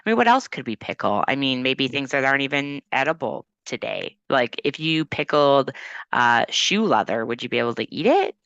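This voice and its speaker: A woman's voice: a bass voice, sing-song, normal speed, a bit bright, no echo, highs cut off, exaggerated voice. A woman improvising an earnest, slightly fumbling host of a gardening podcast. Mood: earnest curious.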